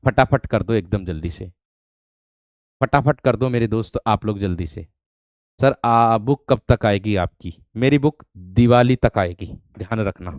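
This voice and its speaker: A man's voice: lowish voice, unhurried, a little mellow, dry recording, clean studio sound. A man teaching a live online spelling class, often repeating words and asking rhetorical questions while calling his students "my friend".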